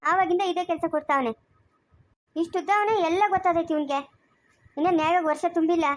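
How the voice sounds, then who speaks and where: A woman acting a stern, sharp-tongued lady of the house who refuses to hand over the baby, with a Chikkaballapur Kannada accent, in an amateur family drama. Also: very high-pitched, fairly even intonation, fast. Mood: scolding. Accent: Kannada of Chikkaballapur area. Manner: scolding, commanding, sharp-tongued.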